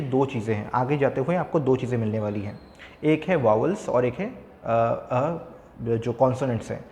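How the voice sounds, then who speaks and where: A man with an Indian English accent teaching literature, mixing Hindi and English, reading examples off a slide slowly and often checking with "है ना". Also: on the high side, darkish tone, a little hiss or hum. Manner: frequent checking fillers. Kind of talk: recorded lesson explaining slides. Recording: echoey room with long reverb.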